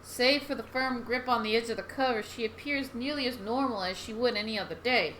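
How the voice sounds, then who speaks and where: A woman reading a horror game's narration aloud in a soft, measured way. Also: fairly high pitch, a little hiss or hum, rough recording.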